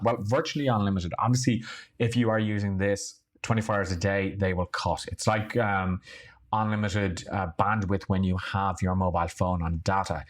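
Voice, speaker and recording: A man hosting a weekly online show, giving an upbeat, chatty software review. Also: lowish voice.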